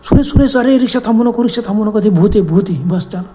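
A man voicing a tipsy friend, suddenly sober and alarmed, urges in excited bursts with a high, mellow voice. The tone is part of a spoken village ghost story. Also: a little fast, soft background music, natural voice. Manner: excited, urgent. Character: drunk male friend of the driver, jolted awake.

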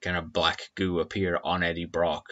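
A man co-hosting a casual film review chat, joking and acting out scenes in quick impressions. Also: low-pitched, little pitch movement, a bit bright, dull audio.

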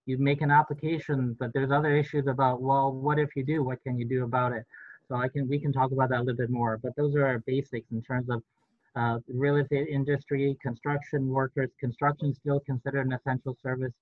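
A middle-aged man, a real estate lawyer, explaining rules on a video call panel in a measured way with frequent fillers. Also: mid-range voice, flat delivery, no echo. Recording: dry, tinny phone-like line.

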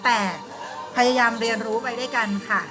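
A woman's voice: a little high, fairly even intonation, moderate pace, over music. A woman teaching an online primary school class, patiently explaining and asking her pupils questions. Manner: patient, coaxing, asks pupils questions and answers them herself.

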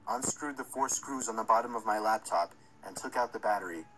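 A man's voice: lowish voice, brisk, a crowd in the background, rough recording. A man reading a scripted first-person horror story as its narrator. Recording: music under the narration. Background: music.

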